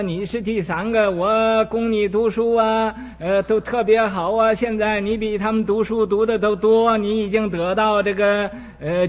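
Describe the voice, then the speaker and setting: A man voicing a lonely, dying old father who pleads with his sons in a coaxing, drawn-out way, heard on a dull lo-fi recording in a reverberant hall. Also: high voice.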